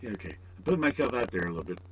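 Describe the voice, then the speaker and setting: A man's voice: deep voice, slight background noise, poor audio. A middle-aged man hosting a podcast alone, rambling with joking, self-deprecating asides. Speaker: podcast host. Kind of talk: casual solo podcast monologue.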